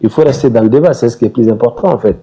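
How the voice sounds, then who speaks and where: A man's voice: mid-range voice, rapid-fire, dark tone, poor audio. An argumentative man in a heated online debate who presses his points and interrupts others. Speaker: debate participant.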